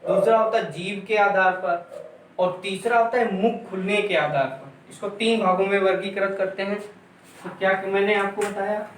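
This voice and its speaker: A man's voice: high voice, steady tone, moderate pace, distant mic. Man, teacher, exam-prep lecture, repetitive drilling, echoey room, faint background noise. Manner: repetitive, drills sounds aloud for students.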